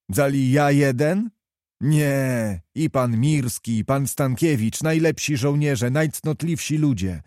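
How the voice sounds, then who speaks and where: A man's voice: medium pitch, darkish tone, no room sound, studio quality. A man voicing a stern older officer who speaks with impassioned, declamatory force. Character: stern older male officer, fiery patriotic orator.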